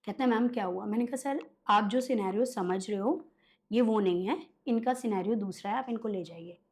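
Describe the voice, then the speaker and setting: A woman's voice: medium pitch, brisk, a little mellow. A woman guest telling stories in a conversational interview, animatedly acting out her clients' voices in quotes. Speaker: guest, occult healer.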